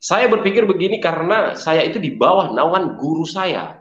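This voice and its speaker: A man from Medan with a Medan accent, giving a personal religious testimony in a loud, forceful way and often addressing listeners as brothers. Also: on the high side, normal speed. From Medan, Indonesia. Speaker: testimony speaker. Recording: dull roomy recording with faint music.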